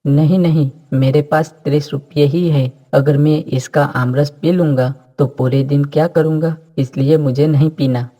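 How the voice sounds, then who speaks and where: An actor playing a poor, kind orphan youth from a village who talks humbly and pleads, in a cartoon story. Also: male voice, a little high, fairly even intonation, measured pace, few pauses, mellow. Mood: worried. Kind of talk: Hindi cartoon voice acting.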